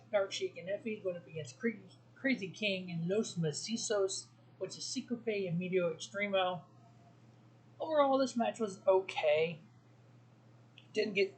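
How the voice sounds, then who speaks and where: A man's voice: sits high, rough recording. A man hosting a wrestling review show, giving blunt opinions in a casual solo talk full of ums and restarts.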